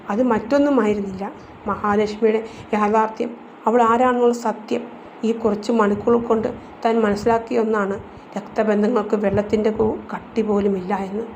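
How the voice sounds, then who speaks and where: A woman narrating a romance audio novel in a steady storytelling read. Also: medium pitch, dull audio, slight background noise.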